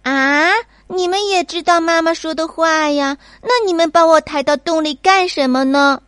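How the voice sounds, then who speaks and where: A woman voicing a small, easily frightened child in a bedtime storybook, with a high pleading voice. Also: normal speed, fairly bright tone, no echo, clean studio sound. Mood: curious. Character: small scared little child, whiny.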